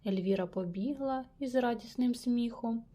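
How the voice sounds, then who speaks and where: A woman reading a rhyming children's story aloud with lively, playful emphasis. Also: on the high side, normal speed. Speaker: reader.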